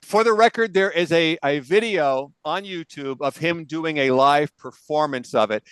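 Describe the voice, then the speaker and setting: A man hosts a casual music debate with plenty of opinion and enthusiasm. His voice is smooth and clear, a touch high for a man, and the sound is dry and close with no room around it. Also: a bit bright, no echo, rough recording. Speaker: podcast host. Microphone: on camera, video call.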